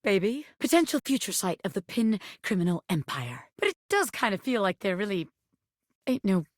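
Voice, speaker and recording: A brash, swooping bobby pin gangster, Bobby Pin. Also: female voice, medium pitch, very animated, moderate pace, no echo, clean studio sound. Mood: scheming, uneasy. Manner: brash wiseguy slang, swaggering, calls people baby. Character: cocky, excitable bobby pin gangster scammer. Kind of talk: video game character acting.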